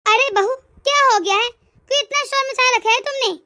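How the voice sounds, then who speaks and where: A woman voicing a harsh, taunting old mother-in-law in a cartoon, in a high, bright voice with a dry sound. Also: a little fast. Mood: scolding. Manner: taunting, scornful. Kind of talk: cartoon voice acting.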